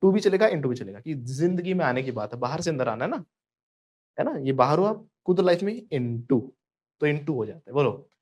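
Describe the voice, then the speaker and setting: A man's voice: a little high, sing-song, normal speed, a little mellow. A man with an Indian accent teaching a spoken English lesson, switching between Hindi and English and having students repeat phrases.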